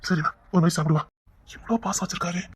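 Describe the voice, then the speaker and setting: A woman acting out a family serial, moving between brotherly scolding and tender coaxing in a husky voice. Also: fairly low pitch, steady tone, fast talker. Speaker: storyteller voicing a whole family.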